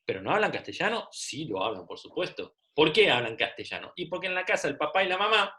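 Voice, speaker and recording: A middle-aged Argentine man with a Rioplatense accent lectures his students over a video call. His voice is bright and slightly high for a man, with lively rises and falls. He talks in a chatty way, tossing out rhetorical questions. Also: fast talker. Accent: Rioplatense Spanish. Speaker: teacher. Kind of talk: online class lecture.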